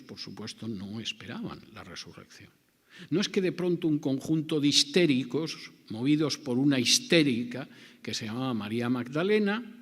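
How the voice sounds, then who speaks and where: A male preacher works through scripture in a dramatic, rhetorical way, often acting out the dialogue. His pitch swings widely from phrase to phrase at a medium overall height. The voice carries a long reverberant tail, as if in a large hall. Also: breathy edge. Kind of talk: expository sermon.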